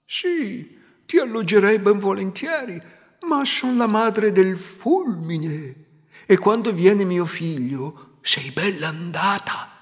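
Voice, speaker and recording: A woman's voice: mid-range voice, animated, takes it slowly, in a large hall, dull audio, voice pushed up. A man voicing a kind old woman, the mother of the lightning, speaking in a wary, warning way.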